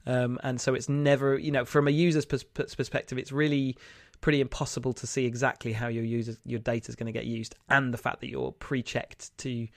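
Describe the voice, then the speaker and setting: A male podcast host talks through the news in a casual way. His voice is nasal and congested from a head cold, at a middling pitch. The sound is very dry, with no room around it. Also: little pitch movement, fairly quick, gravelly, no room sound. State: bunged up with a cold.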